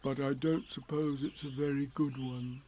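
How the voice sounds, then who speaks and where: A man voicing an earnest, simple-minded bear in a storybook, halting and apologetic. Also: medium pitch, level tone, dark tone, lightly acted. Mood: hesitant.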